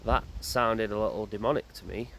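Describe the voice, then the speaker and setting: With a fairly low voice and fairly even intonation, this man keeps a brisk pace as he vlogs on foot in a graveyard. As a paranormal investigator, he offers casual walking commentary, thinking out loud and posing questions to himself, while loud outdoor noise and a passing motorbike intrude.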